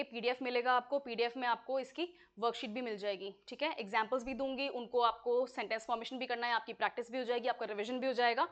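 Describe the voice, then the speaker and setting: A woman teaching an English exam-prep lesson in Hindi, explaining words step by step and often checking that students follow. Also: a little high.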